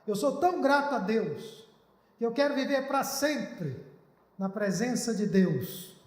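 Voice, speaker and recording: A man's voice: very high-pitched, lively intonation, a little slow. A male pastor preaching a sermon in an earnest, pleading way, recorded in a church. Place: church hall. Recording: echoey church hall.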